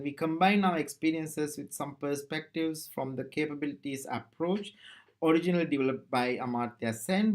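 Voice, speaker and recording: A man from Sri Lanka presenting a recorded conference talk, speaking in a measured way with frequent pauses and fillers. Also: fairly high pitch.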